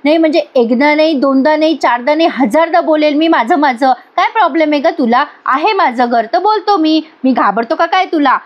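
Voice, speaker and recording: A woman's voice: sits high, a little fast, hardly any pauses, pitched above the performer's own voice, natural voice. A woman voicing an arrogant, rich young man who lectures and blames in a reproachful way. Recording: dull lo-fi recording.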